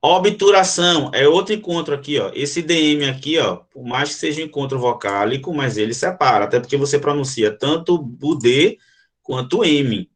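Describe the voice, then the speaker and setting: A man's voice: fairly high pitch, normal speed. A Brazilian man teaching an online grammar lesson, explaining step by step and asking the class questions. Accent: Brazilian Portuguese.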